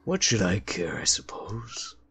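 Man doing a slow, mumbling, grumpy old man. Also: fairly low pitch, sing-song, fairly bright tone, husky, exaggerated voice. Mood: grumbling, bitter. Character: grumpy muttering old man, bitter and scornful. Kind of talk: reading video game dialogue aloud.

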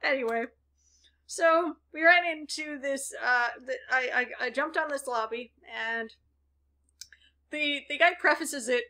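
Giggly high-voiced woman telling a gaming story. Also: measured pace, bright, forceful tone. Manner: giggly, rambling storyteller with restarts. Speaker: podcast co-host. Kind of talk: casual chat.

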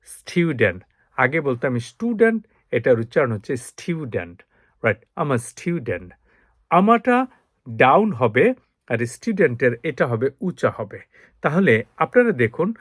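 Male English tutor, animated intonation, patient explainer, dry close recording. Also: a little high, dry recording. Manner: explanatory, models English phrases slowly with stress. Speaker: English teacher. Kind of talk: spoken English lesson.

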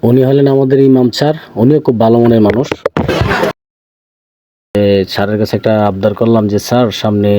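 A man talks casually in a low voice, retelling conversations fondly. His vlog narration sounds loose and friendly. A faint noise hum sits under it. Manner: chatty, fond, retelling conversations. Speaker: vlogger. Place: school fair outdoors.

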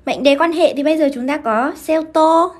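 A woman English teacher from Vietnam, running a live-streamed grammar lesson and keeping her viewers engaged by asking them to confirm as she goes. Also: high voice. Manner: brisk, keeps asking students to confirm.

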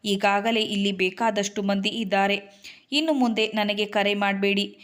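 A woman's voice: medium pitch, steady tone, unhurried, fairly bright tone, natural voice. Brief: woman narrator voicing a cold, dismissive old father-in-law. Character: callous older father-in-law.

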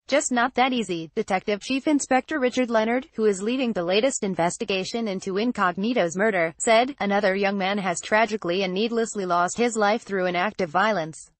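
A woman reading a news article aloud as scripted narration, in an even, flat delivery. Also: medium pitch, no room sound. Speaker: news reader.

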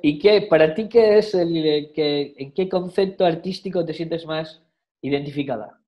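A man's voice: a little high, normal speed, lo-fi sound. A man in his thirties hosting an interview over a video call, asking short questions and backing the guest with frequent murmurs of assent. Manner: brief questions, frequent "ujú" backchannel.

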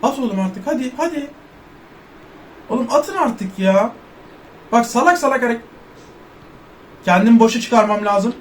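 Man, high-pitched, loud gameplay commentary, trash-talking, cursing, faint noise behind. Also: normal speed, pauses often. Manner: loud, excitable, trash-talks and curses at teammates; jokes as an overweight footballer in first person. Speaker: gaming YouTuber. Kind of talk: excited live gameplay commentary.

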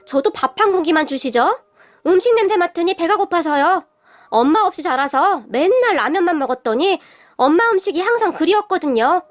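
A woman's voice: very high-pitched, expressive, a little fast. A woman doing a brazen, taunting young man. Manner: cool, taunting, unbothered. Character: brazen young man claiming to be a lost son.

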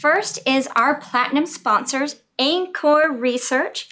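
A woman's voice: sits high, takes it slowly, sharp tone, slight background noise. A young woman, co-director of a community theatre group, introducing the company and its sponsors in a friendly, matter-of-fact way. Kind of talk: scripted introduction to a streamed play.

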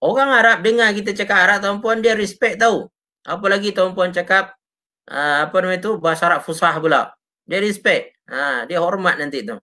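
Bright-voiced Malaysian male teacher. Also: high-pitched, a little fast. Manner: chatty, often addresses listeners, punctuates with short "ha, ya" tags; reads out and answers viewer comments. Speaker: Islamic teacher. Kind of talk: casual live teaching talk.

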